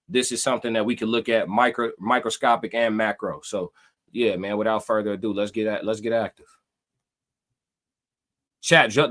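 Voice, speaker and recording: A man's voice: medium pitch, fairly bright tone. A man hosting a live reaction stream, talking to his chat and giving emphatic life advice. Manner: preachy, emphatic, talks to chat.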